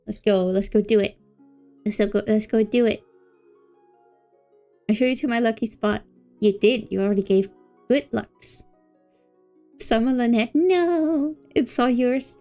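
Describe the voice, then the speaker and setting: On the high side and warm, this woman's voice moves at a measured pace with long pauses, over faint background music. She's livestreaming a game and chatting casually and playfully with viewers, repeating and elongating words.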